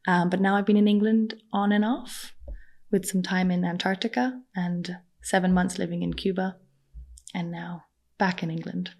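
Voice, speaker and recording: Woman, young adult, from Costa Rica, podcast guest, low pitch, gravelly fry, chatty, self-deprecating. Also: flat delivery, normal speed, darkish tone. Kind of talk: casual interview conversation.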